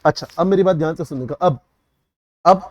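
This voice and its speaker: Young man, rapid delivery, slightly high voice, dry close sound, revision lecture. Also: dry recording. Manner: repeatedly checks understanding, mixes English terms into Hindi. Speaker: CA exam tutor.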